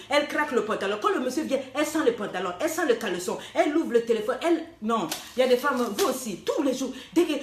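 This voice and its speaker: A woman relationship coach giving lively, teasing advice, slipping English phrases into her talk. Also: sits high, slight background noise. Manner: teasing, playful, animated, mixing in English phrases. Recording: echoey room.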